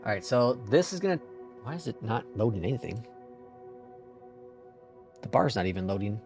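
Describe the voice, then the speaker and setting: Soft background music plays under this casual live-stream commentary from a flight-simulator streamer with a Midwestern accent from Minnesota or North Dakota. His low-leaning, a little mellow voice has a sing-song quality at moderate pace as he chats, mutters while handling the controls, and swears mildly.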